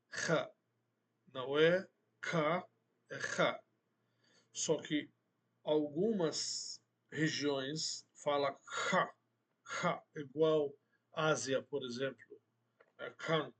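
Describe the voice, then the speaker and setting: A man gives a language lesson in an unhurried, deliberate way. His voice sits a little high for a man, and he repeats words again and again to drive a point home. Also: a bit bright. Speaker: Arabic teacher.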